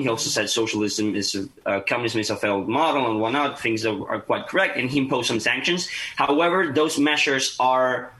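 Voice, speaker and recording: Young guy from venezuela, bright voice, lots of uh and restarts. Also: mid-range voice, rough recording. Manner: earnest, many fillers and restarts. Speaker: guest. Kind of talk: podcast interview.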